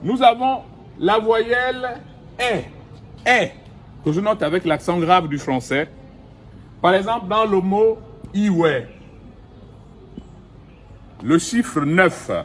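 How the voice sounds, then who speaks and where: A middle-aged man giving a recorded language lesson outdoors, speaking slowly and deliberately and repeating each vowel and example word. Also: high voice, slight background noise. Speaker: language teacher. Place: outdoors in the sun.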